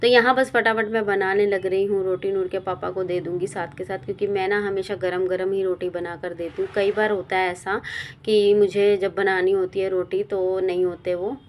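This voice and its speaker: A young woman vlogger and housewife chatting casually and quickly while narrating her home routine. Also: medium pitch, level tone. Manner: chatty, fast-talking.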